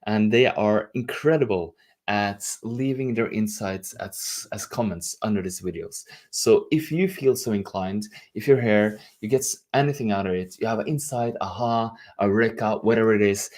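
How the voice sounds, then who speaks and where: A native Norwegian man with a Norwegian accent, a life and leadership coach, hosts a live stream and talks casually to camera in an effusive, affectionate way. His voice is on the low side, moderately paced, and a little mellow.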